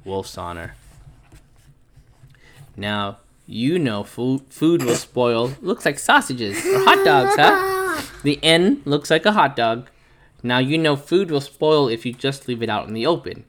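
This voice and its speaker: A father reading a storybook aloud to his child, his voice rising and falling a lot as he goes. He tells the tale playfully as the wolf narrator. His pitch sits in the middle for a man. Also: expressive, a little slow, slight background noise. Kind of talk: reading a picture book aloud.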